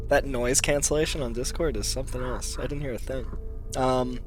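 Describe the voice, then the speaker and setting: A man's voice: medium pitch, fairly even intonation, fairly quick, over music. A man casually hosting a let's play, joking around with lots of ums and uhs. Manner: laid-back, jokey, filler-heavy. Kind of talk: casual gaming commentary.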